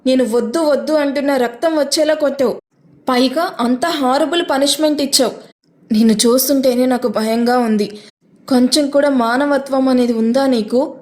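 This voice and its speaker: A woman's voice: sits high, moderate pace, a little mellow, lightly acted. A woman reading as a distraught, angry young woman. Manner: anguished, indignant.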